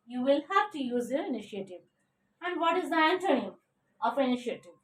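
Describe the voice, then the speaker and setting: A woman's voice: high-pitched, very animated, fairly quick. A woman teaching an English vocabulary lesson, spelling out words letter by letter and often checking in with "okay?". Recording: echoey room, voice a bit far from the mic.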